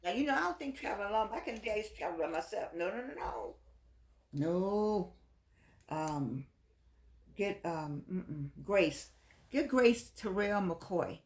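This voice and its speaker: Middle-aged woman, toothless speech, very lively pitch, sassy rambling advice, echoey room. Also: moderate pace, pauses often. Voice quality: toothless, slightly soft articulation. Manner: animated, sassy, folksy, repeats phrases for emphasis. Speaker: vlogger. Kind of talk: casual chat, rambling advice to viewers.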